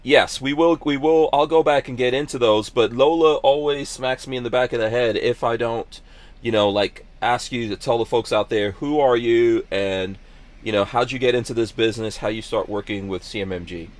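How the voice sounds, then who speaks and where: A man's voice: medium pitch, moderate pace. A middle-aged man from Guyana hosting a podcast in casual chat, joking and laughing often. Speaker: podcast host.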